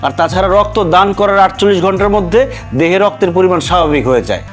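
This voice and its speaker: Actor as an earnest, lecturing good husband, high voice, fast delivery, music behind. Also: male voice, natural voice. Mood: coaxing. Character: kind-hearted young husband, earnest persuader. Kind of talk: TV drama acting.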